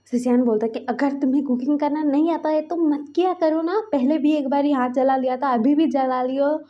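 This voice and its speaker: Woman voicing an exasperated man, scolding, high-pitched, muffled lo-fi sound. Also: moderate pace, natural voice. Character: scolding worried husband, adult man.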